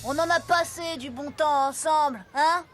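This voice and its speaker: A woman voicing a confident, smooth-talking schoolboy schemer in a French cartoon, sly and persuasive. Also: high voice, music in the background, close to an everyday voice. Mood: sly, flattering. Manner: sly, persuasive, quick to plot. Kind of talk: French animated series dialogue.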